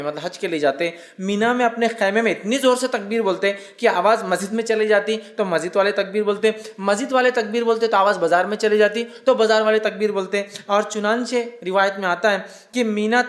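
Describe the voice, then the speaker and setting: Male preacher, religious lecture, slightly high voice, measured explanations, recited Arabic phrases. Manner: urges listeners, repeats reminders. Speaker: Islamic preacher.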